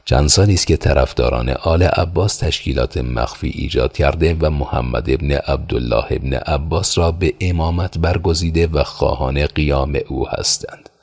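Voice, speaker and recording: A man voicing a thoughtful, well-informed young man in an audiobook, explaining things calmly and evenly. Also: very deep voice, creaky, slightly rough, heavily acted. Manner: calm, measured explaining.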